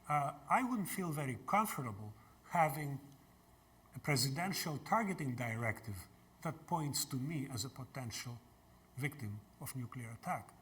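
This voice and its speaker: An older man from Greece, giving a university lecture and taking audience questions in a measured way. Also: on the high side, a bit bright. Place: lecture hall.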